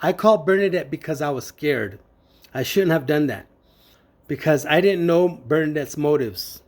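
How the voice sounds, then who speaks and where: A man testifying before a judge, speaking earnestly and haltingly with many fillers and restarts. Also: fairly high pitch, expressive. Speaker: witness testifying in court.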